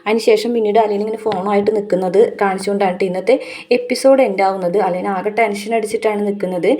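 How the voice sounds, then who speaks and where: Quick, mellow-voiced woman recapping a serial episode in a chatty way. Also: medium pitch, fairly even intonation. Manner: ends many phrases with a tag word for the listener. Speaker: serial review narrator. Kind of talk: fast casual retelling of a TV serial episode.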